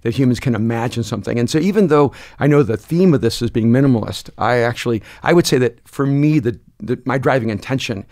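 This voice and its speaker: Expansive and animated, a Salvadoran-born man in his sixties, a pastor and author, speaks as a podcast guest in a dark studio, close to a boom-mounted studio mic. He gestures a lot and tells stories reflectively and conversationally, alternating quick bursts with slow emphasis in a mid-range voice.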